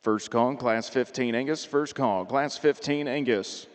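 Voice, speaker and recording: A male show announcer reads placings and barn calls over a public address system. His delivery is steady and measured, at a middling pitch. The sound rings out with a long reverb through a large indoor arena. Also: clean tone. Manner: steady, measured reading of lists. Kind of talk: formal results and barn announcements.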